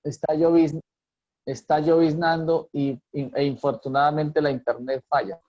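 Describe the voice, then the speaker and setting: A man's voice: a little high, little pitch movement, normal speed, a little mellow. A male pastor teaching an online class, his voice breaking up over a bad internet connection as he keeps asking if he is heard. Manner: keeps checking whether he is heard. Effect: choppy, breaking-up internet call audio. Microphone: video call. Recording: dull lo-fi online call.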